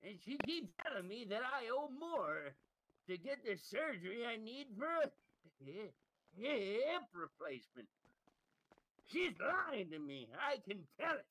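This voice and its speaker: High-pitched stammering old man. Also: very animated, bright, forceful tone, exaggerated voice, low-quality recording. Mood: aggrieved. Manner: drawn-out, indignant, cursing. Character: agitated stammering old man, aggrieved hostage-taker. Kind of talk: improvised online game role-play.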